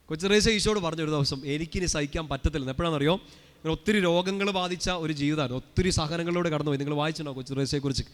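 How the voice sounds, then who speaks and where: A male priest preaches rapidly to a gathered congregation, his fairly high voice trailing a long reverb through a large prayer hall. He keeps it conversational, tossing questions at the listeners and prompting them to respond together. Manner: chatty, asks the crowd questions and has them answer. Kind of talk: live sermon to a congregation.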